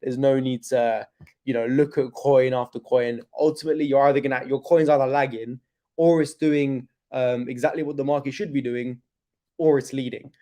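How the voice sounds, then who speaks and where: Brief: young man, casual crypto stream host, mellow tone, fillers and slang, hip hurting. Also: mid-range voice, steady tone, moderate pace. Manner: chatty, laid-back, loose with slang and fillers. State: in pain from his hip. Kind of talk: casual livestream chat.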